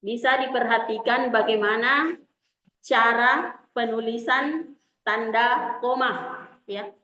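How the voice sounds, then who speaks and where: A woman teaching an Arabic lesson, explaining slowly and repeating key terms. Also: a little high, bright, forceful tone. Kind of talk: classroom lecture. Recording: echoey room, dull lo-fi sound.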